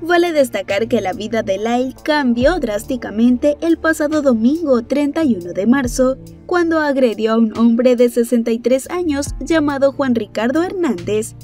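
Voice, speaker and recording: High-pitched woman newsreader for a gossip news clip, brisk and even, light music bed. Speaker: news narrator. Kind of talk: scripted entertainment news narration.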